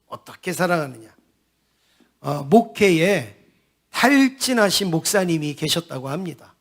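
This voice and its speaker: A man preaching a New Year sermon as senior pastor. He tells a story, keeps turning to the congregation, and asks questions that he answers himself. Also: high voice. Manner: storytelling, often turns to the congregation with "yes" and "everyone".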